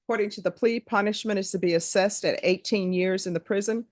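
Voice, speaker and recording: A woman with a mid-pitched voice presides as a judge in formal courtroom style. She reads out legal admonishments and questions briskly and with authority. The sound is dry, with very little room echo. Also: steady tone, darkish tone. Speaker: judge presiding over a plea hearing.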